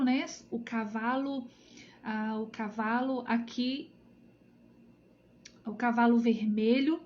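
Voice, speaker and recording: A woman leading a live-streamed Bible study, explaining in a conversational way and often checking in with her viewers. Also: high-pitched. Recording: dull lo-fi sound.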